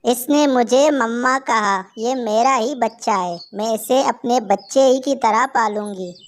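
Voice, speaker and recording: A woman voicing a tender, ailing mother kite bird in a cartoon, speaking gently and protectively. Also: fairly high pitch, measured pace, lightly acted. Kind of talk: Hindi cartoon voice acting.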